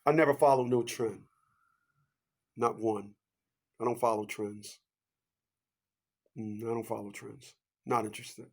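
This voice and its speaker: In a preachy pep talk, a man in his fifties fires off rhetorical questions and leans on his catchphrases, alternating loud, high bursts with whispered asides. Overall his intonation stays fairly even, and he speaks unhurriedly with long pauses.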